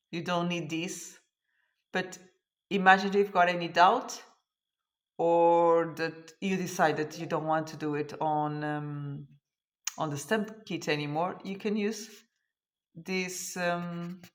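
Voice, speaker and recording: Speaking slowly with long pauses, the host uses a fairly low voice and fairly even intonation in an echoey room. She's a Portuguese-speaking cross stitch vlogger, worn out from a long day, musing aloud and searching for words in a relaxed show-and-tell.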